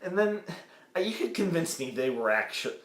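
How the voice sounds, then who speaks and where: A man's voice: on the high side, sing-song, normal speed. A young man co-hosting a casual comedy podcast, tossing in dry jokey asides. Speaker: podcast co-host. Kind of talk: casual comedic movie review chat. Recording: echoey room with faint noise.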